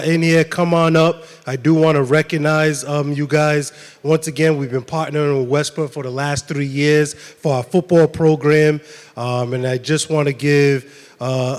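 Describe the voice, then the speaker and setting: Casual football coach in an echoey hall. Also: male voice, on the high side. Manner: casual, halting, many fillers. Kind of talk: informal speech at an awards night. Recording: reverberant hall.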